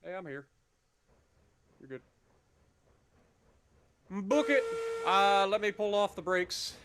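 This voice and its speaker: A man's voice: high-pitched, lively intonation, slow pace, a bit bright, slight background noise. A man streaming a train game, chatting casually and swearing now and then. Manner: laid-back, swears casually. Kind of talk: casual gameplay chat.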